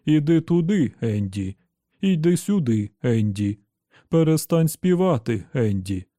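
A man's voice: mid-range voice, very animated, measured pace, warm tone, no echo, clean studio sound. A man voicing a smug, pious male robot servant who talks in a prim, falsely caring way. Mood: aggrieved.

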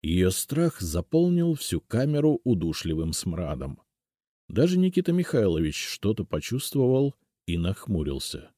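A man's voice: low-pitched, a little slow, dry recording, clean studio sound. A man narrating an audiobook in the first person. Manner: expressive, first-person storytelling. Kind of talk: scripted narration.

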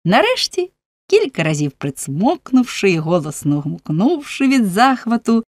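A woman narrating an audiobook in an even storytelling read. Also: on the low side, dry recording, studio quality. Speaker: audiobook reader. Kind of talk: scripted narration.

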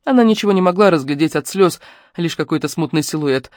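A woman narrating a novel in a measured, even reading voice. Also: deep voice, no echo, clean studio sound. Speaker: audiobook narrator. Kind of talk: scripted narration.

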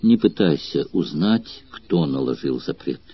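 Hushed tearful young woman, read by a man, husky, muffled lo-fi sound. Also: very deep voice, lively intonation, unhurried, no room sound, pitched below the performer's own voice, exaggerated voice. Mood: sorrowful. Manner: hushed, breathy, near-whispered pleading. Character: trembling young woman, tender and sorrowful.

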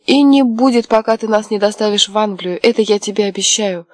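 A woman voicing a headstrong, quick-tempered young wife in an audiobook, sharp and mocking. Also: medium pitch, no room sound, studio quality, lightly acted. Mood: furious. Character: fiery defiant young wife, headstrong and scheming. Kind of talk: audiobook character voice.

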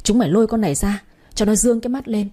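A woman's voice: medium pitch, very fast, dark tone, close to an everyday voice. A woman voicing a cruel, scheming female villain who sneers and hisses threats. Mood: venomous.

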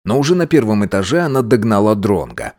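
Low-voiced male audiobook narrator. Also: sing-song, quick pace, a little mellow. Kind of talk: scripted narration.

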